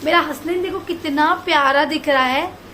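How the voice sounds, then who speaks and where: A woman's voice: high voice, normal speed, pushed and bright, a little hiss or hum. A young woman vlogging at home with a phone, coaxing her baby in affectionate, sing-song baby talk. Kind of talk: casual family vlog, talking to a baby. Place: home, indoors.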